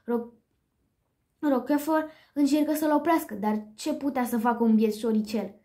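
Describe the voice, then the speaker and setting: A woman reads a children's storybook aloud, her voice sitting high. She keeps the telling lively, now and then stumbling over a word and correcting herself. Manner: lively read-aloud with small slips.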